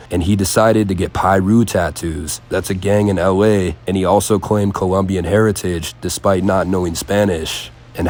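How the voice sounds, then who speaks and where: A man narrating a commentary video in a deadpan, mocking way. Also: low-pitched, a little hiss or hum. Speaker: commentary host. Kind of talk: scripted commentary voice-over.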